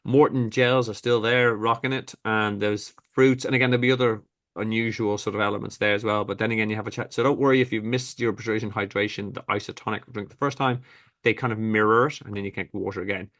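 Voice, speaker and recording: A man's voice: on the low side, steady tone, fast talker, fairly bright tone. Upbeat chatty male host coach. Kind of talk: conversational talk.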